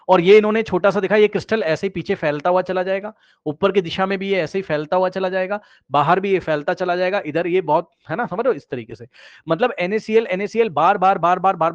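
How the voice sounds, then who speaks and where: Male chemistry teacher, fairly high voice, casual and repetitive, slightly muffled lo-fi recording. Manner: repeats key phrases, checks in with "है ना", "ठीक है"; often drops to a quieter voice while pointing at the screen. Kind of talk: casual classroom explanation.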